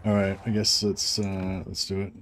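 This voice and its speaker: A man's voice: deep voice, monotone, moderate pace, slight background noise. A man casually thinking aloud as he plays a video game, musing and hesitant, with some swearing. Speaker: video game player commentating.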